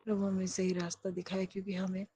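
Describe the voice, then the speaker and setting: A woman's voice: mid-range voice, monotone, fast talker, warm tone, slight background noise, rough recording. A middle-aged woman speaking a personal prayer, earnest and pleading as she asks for guidance for her children. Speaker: devotee praying aloud.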